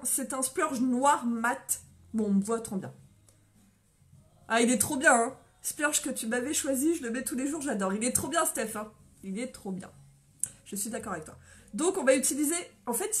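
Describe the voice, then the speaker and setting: A woman from France doing a casual live makeup tutorial, chatty and friendly, greeting viewers by name and laughing often, a little winded and coughing after a run. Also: on the high side.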